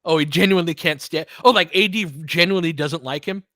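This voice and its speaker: A play-by-play host calls live basketball in a casual, conversational way, analyzing the action like a fan and chatting with listeners using mild slang. His fairly high voice is fast, pushed and bright, recorded at studio quality with no echo.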